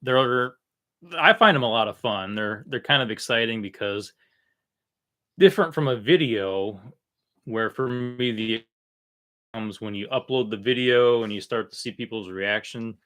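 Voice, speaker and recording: A man hosting a casual, unscripted livestream, talking in a halting way that often trails off. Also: medium pitch, a bit bright. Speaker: livestream host.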